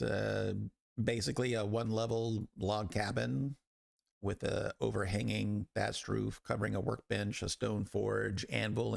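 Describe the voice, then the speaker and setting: Drowsy guy running a tabletop game, slow, super creaky, lots of um and uh. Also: lowish voice, dry recording, clean studio sound. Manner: halting, full of ums and uhs. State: sleepy. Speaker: game master.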